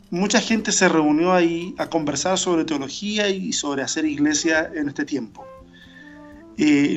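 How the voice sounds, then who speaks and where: A pastor appearing as a radio guest, born in Argentina and raised in Chile, speaks in a fairly high voice during a casual interview over a remote call. He is reflective, with many hesitations, fillers and restarts. The line sounds dull and lo-fi, with soft music faintly underneath.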